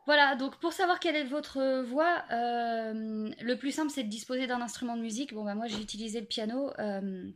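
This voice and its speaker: Woman, young adult, fairly high voice, casual singing lesson, hesitant, lots of fillers. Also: normal speed, few pauses, slight background noise. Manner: hesitant, many fillers and restarts. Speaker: singing teacher. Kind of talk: casual spoken singing tips.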